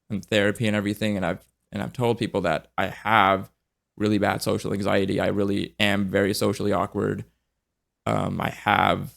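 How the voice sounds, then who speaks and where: A man's voice: fairly low pitch, vocal fry. A man hosting a podcast, talking in an earnest, reflective way that often trails off and restarts. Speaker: podcast host. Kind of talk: casual conversational interview.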